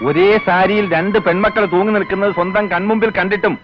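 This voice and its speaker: A man's voice: sits high, flat delivery, fast talker, over music, lightly acted. An actor playing a grown male teacher who sternly and indignantly confronts someone spreading rumors, in a film drama. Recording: dull lo-fi old film sound.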